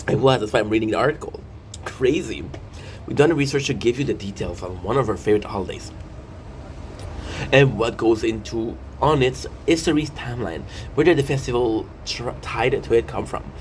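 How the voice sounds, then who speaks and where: Speaking at a normal speed in a mid-range voice, a man in his thirties hosts a casual vlog. He reads and comments in a rambling, jokey way, full of playful asides and self-interruptions, with background noise clearly present.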